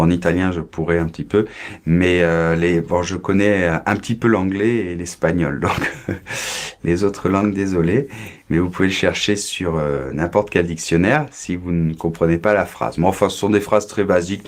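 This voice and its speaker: Deep-voiced man teaching French grammar. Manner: explains slowly with many fillers and checks like ok, d'accord; models pronunciation, drawing out sounds. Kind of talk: grammar lesson.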